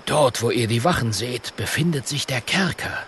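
A man voicing a confident, measured male merchant in a children's audiobook. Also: medium pitch, expressive, a bit bright, a little hiss or hum. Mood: assured. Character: self-assured grown male merchant.

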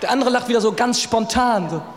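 A man's voice: very high voice, fast, big-room sound, heavy background noise. A man telling mocking comic stories on stage. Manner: mocking, playful storytelling. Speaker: comedian. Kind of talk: stand-up comedy.

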